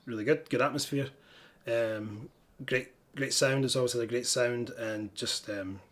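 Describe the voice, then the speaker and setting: A man with a Scottish accent speaks in a casual, conversational style. He sounds like a band member being interviewed, and his voice sits at an average pitch for a man. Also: fairly even intonation, a little slow, a bit bright. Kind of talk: casual chat.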